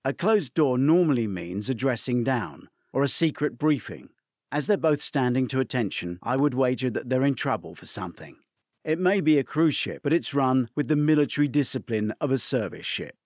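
A man reading a mystery novel aloud in the first person, his pitch rising and falling freely. His medium voice sits close to the mic in a dry, dead space. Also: moderate pace, no echo. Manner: expressive storytelling. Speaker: narrator. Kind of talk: first-person audiobook narration.

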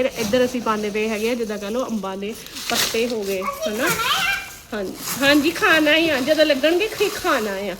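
A woman chatting casually as a family vlogger and mother, out in a home garden. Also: a little high. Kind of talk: casual home vlog chat. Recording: clearly noisy home phone recording.

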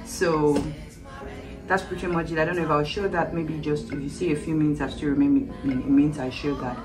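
A woman's voice: sits low, steady tone, fairly quick. A woman in her thirties giving a heartfelt, emotional goodbye in casual vlog talk to the camera from a few steps away indoors. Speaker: vlogger. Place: small room by a door, indoors. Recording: distant mic, music behind.

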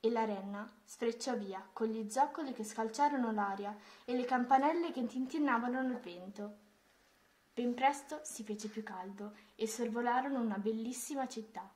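Gentle woman reading a storybook. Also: on the high side.

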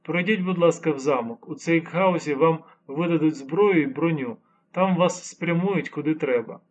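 A stern, weary army lieutenant who barks orders and sighs at his foolish men, as a man voices him. The tone is husky and slightly raised, on a dull lo-fi recording. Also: on the high side, normal speed. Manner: barking orders, sighing.

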